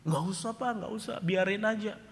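A man's voice: sits high, moderate pace, voice pushed up. A man voicing a small, frightened boy who pleads and whines near tears, in a reverberant church hall. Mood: pleading.

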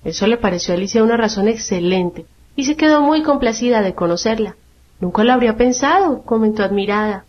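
A woman's voice: medium pitch, lively intonation, quick pace, hardly any pauses. Woman narrating a radio storybook reading. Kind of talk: scripted narration. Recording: dull lo-fi radio sound.

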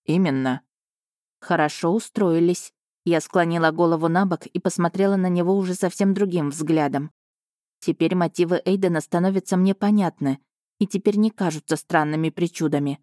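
A woman narrating a first-person romance novel in a steady, expressive reading style. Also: lowish voice, brisk, no echo, studio quality. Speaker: audiobook narrator.

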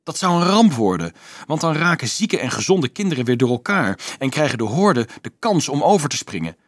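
A man's voice: on the high side, big pitch swings, fairly quick, no room sound, studio quality, voice pushed up. Man voicing an urgent, stubborn boy. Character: earnest, stubborn, anxious young boy.

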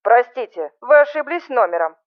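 A woman's voice: fairly high pitch, lively intonation, moderate pace, lightly acted. Audiobook woman reading a curt, annoyed man woken by a call, cold and short, slightly muffled recording.

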